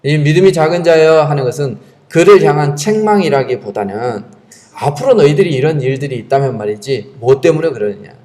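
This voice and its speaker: A pastor delivers a Sunday sermon from a church sanctuary in a fairly high man's voice. His pitch leaps and falls widely as he preaches emphatically. He keeps putting rhetorical questions to the congregation. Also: lively intonation, fairly quick, darkish tone.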